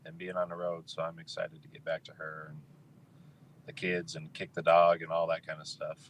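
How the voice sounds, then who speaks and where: A man's voice: low-pitched, completely flat delivery, normal speed. An American man co-hosting a show with casual, easygoing, informal banter. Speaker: show co-host. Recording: clearly noisy, ambient background sound.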